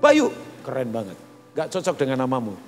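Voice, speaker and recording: Lively joking middle-aged pastor, echoey hall. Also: male voice, mid-range voice, a little fast. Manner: animated, joking, chatty with the congregation. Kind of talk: live church sermon. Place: large church hall. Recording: echoey church hall with music. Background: keyboard and guitar music.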